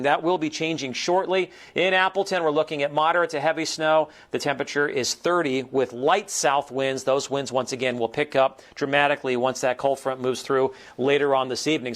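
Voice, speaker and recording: Higher-voiced American man presenting the weather. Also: fairly bright tone. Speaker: TV weather forecaster. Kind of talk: broadcast weather forecast, ad-libbed presentation.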